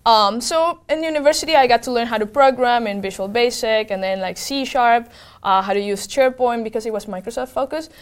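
This program manager from Venezuela is a young native Spanish speaker who responds to interview questions in a relaxed, upbeat way, full of fillers and restarts. She speaks briskly in a fairly high voice with a clean tone.

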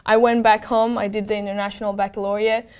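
A woman's voice: mid-range voice, level tone, fast talker, smooth. A young woman from Venezuela, a native Spanish speaker working as a program manager, answering interview questions in casual chat with many fillers. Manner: upbeat, lots of fillers and restarts.

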